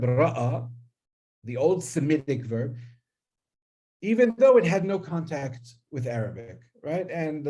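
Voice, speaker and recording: A man whose first language is Hebrew gives an academic lecture on linguistics, hesitating with many fillers and restarts and often asking listeners "right?" His voice is medium-pitched with a dark tone.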